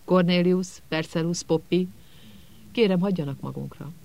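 A man doing a calm, firm old headmaster. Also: high-pitched, creaky.

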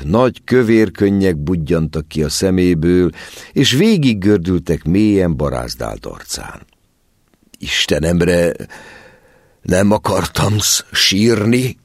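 A man narrating a story aloud as an audiobook, in an expressive storytelling manner. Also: low-pitched, dry recording, studio quality. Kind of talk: scripted narration.

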